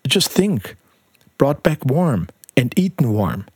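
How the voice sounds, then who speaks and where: A man reading aloud, voicing a heavy-jowled man who talks loudly and boastfully. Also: medium pitch, sing-song, slow, slightly rough, no echo, clean studio sound, exaggerated voice. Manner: loud and boastful.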